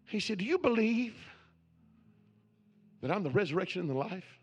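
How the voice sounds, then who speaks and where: A man's voice: high-pitched, very animated, normal speed, slightly rough. A man preaching a sermon as pastor, building with repeated questions.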